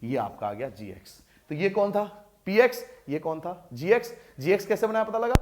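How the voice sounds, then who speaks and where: A man with a fairly high voice walks students through a maths problem on the board. He talks in a lively, coaxing way, firing off questions and answering them himself as he works through each step. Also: normal speed, background noise. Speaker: maths teacher. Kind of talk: board lesson.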